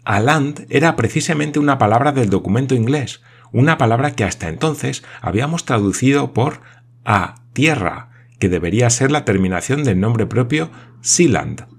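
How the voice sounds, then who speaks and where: A man voicing an excitable, talkative male geographer in an audiobook, speaking eagerly and with emphasis. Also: mid-range voice, moderate pace, breathy edge, voice pushed up. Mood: explaining.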